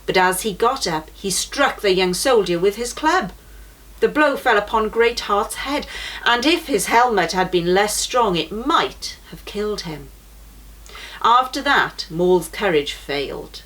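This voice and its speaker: A young woman with a mid-range voice reads a children's storybook aloud for a church story time, gentle and animated at an unhurried pace. She shifts her voice for the characters whenever she reaches quoted lines. The recording is rough.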